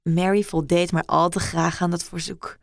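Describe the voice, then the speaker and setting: A woman narrating an adult story in a soft, hushed reading voice that often drops to a whisper. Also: fairly low pitch, monotone, moderate pace, creaky, no echo, studio quality.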